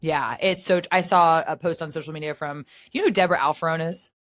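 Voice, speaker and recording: A woman in her thirties co-hosting a podcast in casual chat, chatty and quick to laugh. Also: deep voice, fairly even intonation, no room sound, studio quality. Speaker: podcast co-host.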